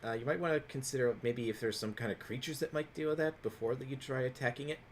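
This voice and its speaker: A man of average pitch talks through his choices in a tabletop game. He is cautious and casual, with faint noise in the background. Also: quick pace. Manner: cautious, deliberating. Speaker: player in a tabletop role-playing game.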